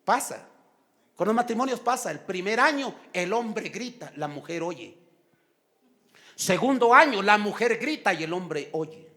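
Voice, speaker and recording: A middle-aged man with a Guatemalan accent preaching a sermon, lively, acting out shouting people. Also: high-pitched, unhurried. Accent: Guatemalan Spanish. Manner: animated preaching, acts out quarrels in shouted voices. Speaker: pastor.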